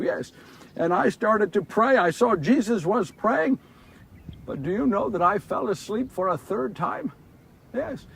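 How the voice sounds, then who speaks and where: A man's voice: sits high, slightly rough, distant mic, full character voice. Peter, a man playing a remorseful apostle. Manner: earnest storyteller, swings from hushed confession to loud anguish. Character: Simon Peter, remorseful grown fisherman apostle. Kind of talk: first-person dramatic monologue.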